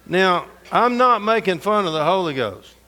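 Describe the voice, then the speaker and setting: A middle-aged man preaching a storytelling sermon, folksy and humorous, going soft and intense for scripture. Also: high voice, animated, moderate pace.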